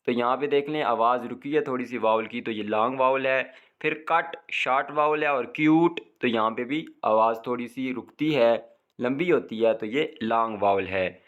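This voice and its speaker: Male teacher, reads English lines slowly and then explains them, steady lesson delivery. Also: medium pitch, lo-fi sound. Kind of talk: textbook lesson, translating into Urdu.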